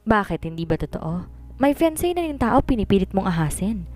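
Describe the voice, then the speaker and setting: A woman's voice: medium pitch, big pitch swings, a little fast, a little mellow, no room sound, natural voice. A woman voicing a cold, condescending wealthy middle-aged mother in a read-aloud story. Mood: commanding. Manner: condescending, dismissive.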